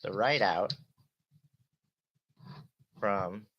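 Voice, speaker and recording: Low-voiced man, rambling live explainer, lightly filtered. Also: extremely slow, a bit bright, dull audio, a little hiss or hum. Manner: hesitant, trailing off, self-interrupting. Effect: light low-pass filter on voice. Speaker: live streamer and synth tutor.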